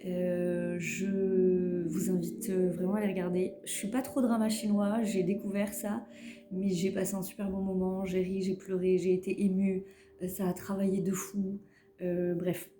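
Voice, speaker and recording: A woman's voice: medium pitch, little pitch movement, a little slow, dark tone. A woman giving a casual weekly card reading, talking hesitantly with many fillers and repeated words. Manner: self-mocking about her English. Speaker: tarot reader giving a weekly guidance. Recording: roomy echo with faint music behind.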